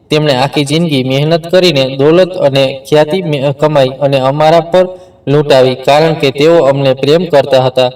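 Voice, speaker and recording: A man's voice: a little high, darkish tone, recorded from a distance, lightly acted. A man voicing a remorseful adult son, pleading and full of regret.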